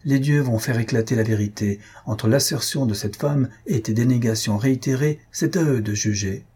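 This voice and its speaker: A man voicing a stern, menacing Brahmin high priest who speaks solemnly and commandingly, in a storybook reading. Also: normal speed, mellow, husky, lightly acted.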